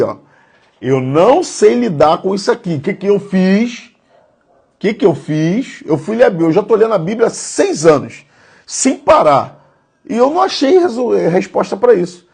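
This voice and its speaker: Brazilian pastor, 30s, slightly high and raspy, earnest conversational sermon. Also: male voice, darkish tone. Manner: conversational, earnest, addressing listeners directly. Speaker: preacher. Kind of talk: devotional sermon.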